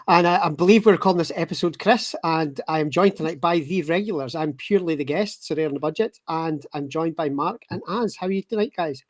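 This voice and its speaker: Scottish man, 30s, rambling jokey podcast host, higher voice, dry close sound. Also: a little fast, few pauses, no room sound. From Scotland. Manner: joking, rambling, many fillers. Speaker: guest host. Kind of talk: casual podcast chat.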